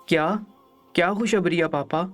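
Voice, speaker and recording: A man's voice: fairly high pitch, fairly bright tone, soft background music, natural voice. A man voicing a hurt, tearful young daughter in a storybook reading, with a pained, pleading delivery. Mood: puzzled.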